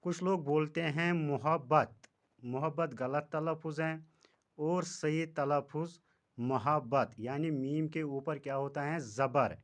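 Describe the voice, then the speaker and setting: A man's voice: fairly high pitch, steady tone, measured pace. A man teaching correct Urdu pronunciation, carefully stressing each corrected word as he explains its meaning. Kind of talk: slow, deliberate pronunciation lesson.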